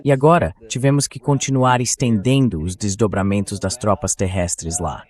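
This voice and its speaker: Here a man speaks at normal speed in a darkish voice that sits on the low side, his accent Brazilian Portuguese. As a talk show host and political commentator, he offers blunt, sarcastic, colloquial opinions on the news.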